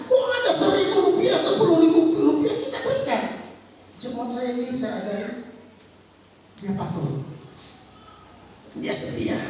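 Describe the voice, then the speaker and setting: A male pastor preaching a sermon and telling a story, lively and emotional with frequent exclamations. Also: sits high, a little hiss or hum. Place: church. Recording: echoey church hall, mic far off.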